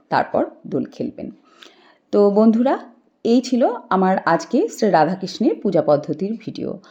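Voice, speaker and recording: A woman hosting a home puja video, calmly explaining each ritual step and chanting mantras in a devotional tone. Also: on the low side. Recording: dull lo-fi home recording.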